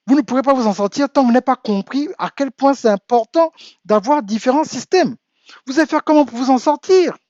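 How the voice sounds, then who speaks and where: A man's voice: high-pitched, no echo, highs cut off. A man from Africa, a business coach giving an insistent talk to his audience that builds to emphatic urging. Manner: insistent, rising to emphatic exhortation. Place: home in the United States.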